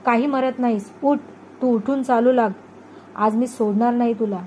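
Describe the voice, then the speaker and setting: A woman reading a storybook aloud voices a stern village mother who loudly and harshly scolds her son. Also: fairly high pitch, fairly even intonation, normal speed, a little hiss or hum, close to an everyday voice, low-quality recording. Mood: angry scolding.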